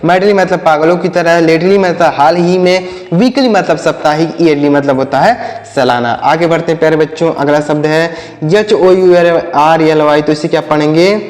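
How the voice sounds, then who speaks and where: Male teacher, higher-pitched, spells and repeats words for kids, recorded in a reverberant room. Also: normal speed, a little mellow. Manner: spells words letter by letter and repeats each meaning; calls the children and asks them questions. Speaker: English teacher. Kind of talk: spelling and vocabulary lesson for children. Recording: echoey room with long reverb.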